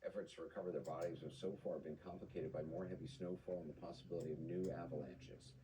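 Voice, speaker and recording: A man's voice: deep voice, fairly even intonation, quick pace. A man narrating broadcast news as an anchor. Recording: faint noise, slightly distant.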